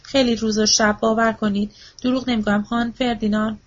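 A woman's voice: on the high side, flat delivery, lightly acted. A woman reading the part of a desperate, grieving old widow who pleads and repeats herself, in a storybook reading. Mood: pleading. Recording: dull lo-fi audiobook recording.

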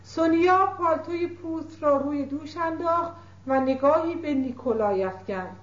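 A woman reading a classic novel aloud as an audiobook narrator, in a measured literary manner. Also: sits high. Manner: measured literary reading, voices characters lightly. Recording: roomy lo-fi tape recording.

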